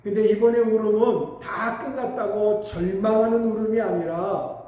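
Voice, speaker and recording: A man's voice: high-pitched, steady tone, moderate pace, dark tone. A male pastor preaching a sermon, telling a story with emphatic swells. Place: church sanctuary. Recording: echoey church hall, mic at a distance.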